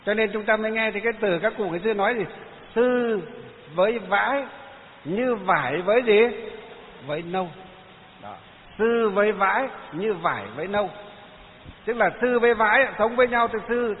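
A man with a northern Vietnamese accent giving a Buddhist sermon, asking rhetorical questions and answering them himself, with many drawn-out "à" fillers. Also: high-pitched. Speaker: Buddhist dharma teacher. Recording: tinny phone-like sound, hiss, long hall reverb.

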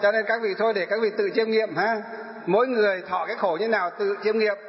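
A Buddhist monk gives a dharma talk to elderly followers, asking them questions and answering them himself. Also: male voice, sits high, steady tone, fast. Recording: echoey hall, dull sound.

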